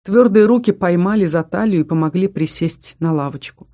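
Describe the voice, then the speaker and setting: A woman narrating a fantasy audiobook in the first person with even, heartfelt storytelling. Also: fairly low pitch, moderate pace, dry recording, clean studio sound.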